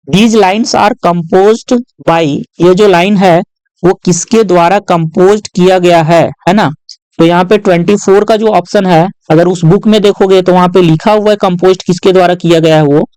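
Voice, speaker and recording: A man tutoring students through exam questions in a patient, step-by-step way, often adding short tag questions and reading English lines aloud slowly. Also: sits high, darkish tone, smooth, no room sound, rough recording. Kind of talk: exam-prep lesson walkthrough.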